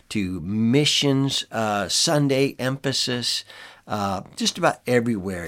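An older man giving an informal teaching talk as a preacher, earnest and measured, with pauses for emphasis. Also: fairly low pitch. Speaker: preacher and ministry leader.

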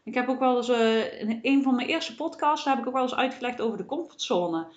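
A fairly high-voiced woman talks alone on her podcast as a coach, earnest and encouraging, often tagging her sentences with a questioning "hè". The recording is roomy and a little dull. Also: a little fast. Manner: earnest, encouraging, many "hè" tags. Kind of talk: solo podcast monologue.

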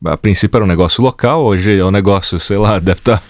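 A man from Brazil hosting a podcast, asking relaxed, affirming questions. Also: on the low side, fast. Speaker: podcast host. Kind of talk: interview questions, casual.

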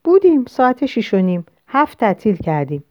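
A woman's voice: fairly high pitch, very animated, pitched above the performer's own voice. A woman voicing a friendly young female colleague who talks in a chatty, matter-of-fact way. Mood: casual. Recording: dull lo-fi dry recording.

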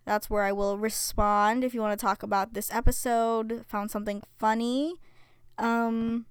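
Young female podcast host, chatty and filler-heavy, smooth voice, dry close sound. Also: a little high, level tone, moderate pace, dry recording. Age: young adult. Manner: chatty, many fillers, reads stories aloud. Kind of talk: casual solo podcast chat.

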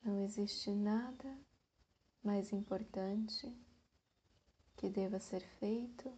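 A woman guides a meditation in a soft, breathy voice of medium pitch and steady tone. She speaks in short phrases separated by long pauses.

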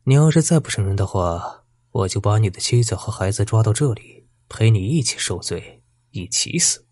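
A man plays a vicious male bandit bent on revenge, sneering through his threats. The voice sits low with a husky grain. It is recorded close and dry, with no room around it. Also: animated, normal speed, a little mellow, no echo. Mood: menacing. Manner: sneering, menacing taunts. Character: vicious vengeful male bandit, former student.

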